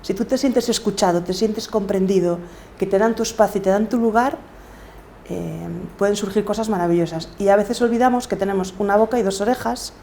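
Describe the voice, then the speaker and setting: This middle-aged podcaster and coach from Galicia, Spain, has a Galician accent and talks reflectively as an interview guest. Her mid-range voice is warm, fairly even and a little fast, with a little hiss or hum in the audio.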